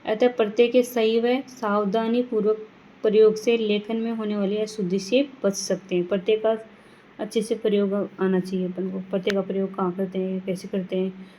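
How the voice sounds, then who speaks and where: A woman teaching a grammar lesson, reading words one by one and adding quick reminders to her students. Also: medium pitch, little pitch movement, warm tone, slight background noise, low-quality recording. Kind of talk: classroom lesson reading word lists.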